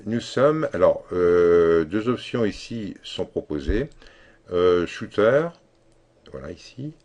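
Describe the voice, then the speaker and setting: A man giving a screen-recorded software tutorial, explaining step by step in a halting way with many fillers and restarts. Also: low voice, breathy edge. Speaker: tutorial instructor.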